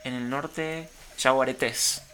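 Bright-voiced man. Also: mid-range voice, fairly even intonation, slow, slight background noise. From Argentina. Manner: friendly, thinks aloud, hedges facts. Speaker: podcast guest. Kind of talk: casual chat.

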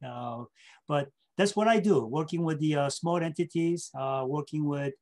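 A man's voice: fairly high pitch, normal speed, darkish tone. A man from South Korea speaking English as an interview guest, ending his points with tag questions and many filler uhs. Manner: ends points with tag questions like okay and right; frequent filler uhs and repeated words. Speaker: state government official, interview guest. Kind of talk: casual interview talk.

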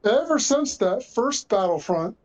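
A woman's voice: on the high side, animated, unhurried, darkish tone. A woman who plays airsoft, chatting casually on a podcast and telling stories in a self-deprecating way. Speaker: airsoft player. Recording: dull lo-fi audio.

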